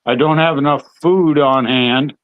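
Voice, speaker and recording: A man talking in a steady, plain-spoken way on a call in a casual conversation. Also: fairly high pitch, measured pace, dry recording, narrow, tinny audio.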